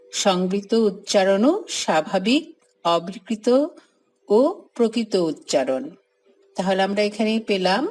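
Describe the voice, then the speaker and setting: A woman's voice: medium pitch, darkish tone, low-quality recording. A woman with a Bangladeshi Bengali accent teaching a grammar lesson, spelling words out letter by letter and repeating each point. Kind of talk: grammar lesson, slow explanation.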